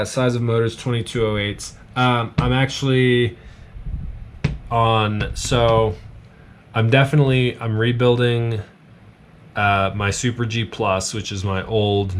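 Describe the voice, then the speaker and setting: A man's voice: lowish voice, slight background noise. A man chatting casually on a live stream while building drones, rambling with fillers, his voice tired from hours of talking. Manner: relaxed, rambling, many fillers and pauses. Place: home workbench.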